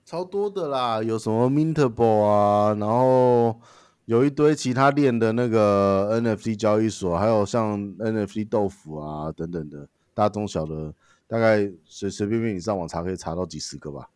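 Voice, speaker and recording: Man, low pitch, conversational, questioning co-host, dry recording. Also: normal speed, a little mellow, smooth, dry recording. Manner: questioning, rephrasing and challenging points. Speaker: podcast co-host. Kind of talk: casual discussion.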